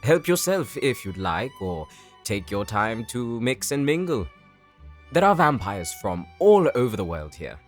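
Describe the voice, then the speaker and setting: A man's voice: medium pitch, very animated, measured pace, faint music behind. A man playing a flamboyant, gracious vampire count in an audio drama, with effusive aristocratic delivery. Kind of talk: cinematic audio roleplay acting.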